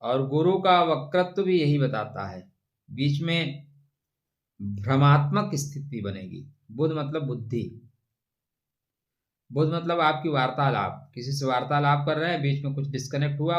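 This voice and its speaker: A man giving an astrology forecast, advising listeners in a measured way and calling them friend. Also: fairly high pitch, muffled recording. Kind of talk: horoscope talk to camera.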